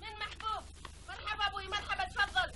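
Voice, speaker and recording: A woman's voice: very high voice, level tone, quick pace. An actress playing a worried mother who questions her family, speaking in a TV drama. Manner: anxious, probing. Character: worried middle-aged mother, anxious about her sons. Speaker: actor. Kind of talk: TV drama acting. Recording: drama audio with audible noise.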